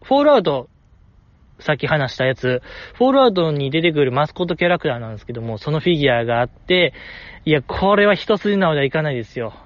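Rambling man with a higher voice. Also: no room sound, dull audio. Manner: rambling, animated, with frequent laughs. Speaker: podcast host. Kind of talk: casual solo chat.

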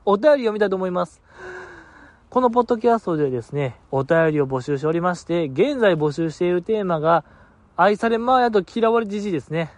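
A man's voice: high voice, expressive, fast, no room sound. Sleepy rambling man. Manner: rambling, self-mocking, sleepy. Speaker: podcast host. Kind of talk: casual solo podcast chat.

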